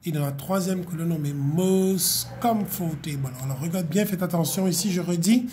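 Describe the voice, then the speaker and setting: A woman's voice: lowish voice, moderate pace, warm tone, slight background noise. A woman teaching a grammar lesson to young pupils, patiently repeating each word and checking with "ok?". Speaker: primary school English teacher. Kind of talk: classroom lesson explanation.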